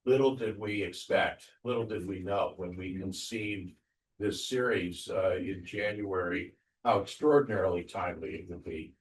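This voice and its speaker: A middle-aged or older man moderating a panel, giving a measured introduction with anecdotes. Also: deep voice. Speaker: panel moderator, former speechwriter. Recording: distant mic with faint room noise.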